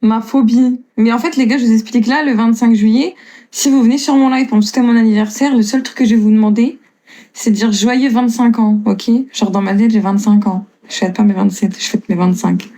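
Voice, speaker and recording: A woman's voice: fairly high pitch, fairly even intonation, a little fast, dark tone. A woman in her twenties with a slight northern French accent from Lille, chatting casually with viewers on a live stream, reading and answering their comments with frequent laughs. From northern France. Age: 20s. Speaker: livestreamer.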